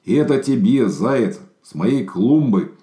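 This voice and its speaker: A man voicing a gentle, earnest bear cub in a storybook, in an echoey room. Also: medium pitch, animated, a little slow, pitched above the performer's own voice, lightly acted.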